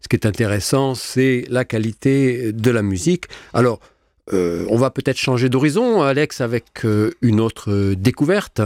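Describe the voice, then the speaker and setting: A man hosting a radio music show, talking casually and haltingly, often repeating words. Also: medium pitch, animated, darkish tone, dry recording, clean studio sound. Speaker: radio host.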